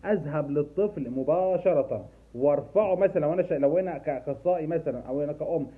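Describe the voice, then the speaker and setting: A man's voice: on the high side, quick pace, breathy edge. A man speaking in an Egyptian Arabic accent, a special education specialist explaining patiently to parents and repeating key points. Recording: tinny phone-like sound.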